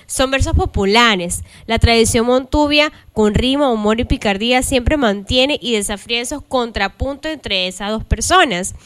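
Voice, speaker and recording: A woman's voice: fairly high pitch, moderate pace, few pauses, a bit bright, clean tone. A woman from the coast hosting a casual presentation, chatty and full of tag questions. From Los Ríos, Ecuador. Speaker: host.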